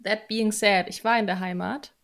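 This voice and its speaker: A woman from Lower Franconia hosting a podcast, chatting playfully and mixing in English words. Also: fairly even intonation, normal speed, a bit bright. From Lower Franconia, Germany. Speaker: podcast host. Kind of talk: casual podcast chat.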